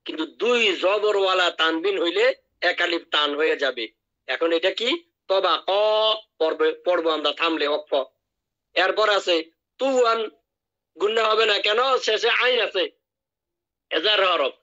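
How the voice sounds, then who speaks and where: A man teaching Quran recitation in an online class, drilling each word slowly and patiently. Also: high voice, bright, forceful tone, lo-fi sound. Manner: drills words by repeating them slowly. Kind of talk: online tajweed lesson.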